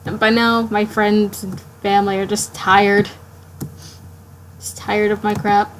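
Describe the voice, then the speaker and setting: A woman's voice: medium pitch, flat delivery, poor audio. Woman streamer, tired late-night ramble, mid-range voice, faint hiss behind. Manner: rambling, halting, talks to herself while drawing. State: sleepy, yawning late at night. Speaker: art streamer. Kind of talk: casual live-stream self-talk.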